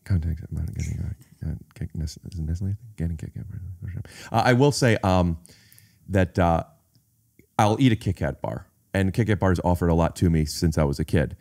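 A man in his thirties hosting a podcast, talking in a rambling, playful way with halting pauses. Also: low-pitched, vocal fry, dark tone. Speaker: podcast host. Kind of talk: casual podcast conversation. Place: living-room podcast set. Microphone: studio mic on boom arm, headphones.

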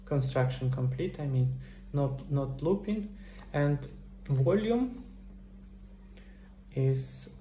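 Speaking slowly with long pauses, a middle-aged man explains game development steps in a relaxed screen-recorded tutorial, using a headset at his computer in a small indoor room. His medium-pitched voice is mellow yet animated. The sound carries a roomy echo over faint background noise.

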